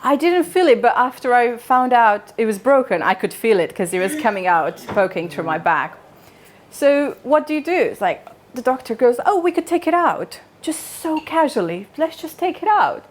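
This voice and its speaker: A Romanian woman from Transylvania speaks with a Romanian accent in a high voice with big pitch swings, at normal speed. At a wellness talk she tells personal stories informally and conversationally, adding joking asides and questions for her listeners.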